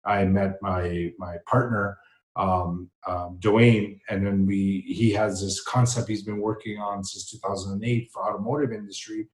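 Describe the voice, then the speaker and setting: A man's voice: lowish voice, a little mellow, echoey room, low-quality recording. A man, an entrepreneur guest on a podcast, talking casually with hesitations and fillers. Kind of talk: interview conversation.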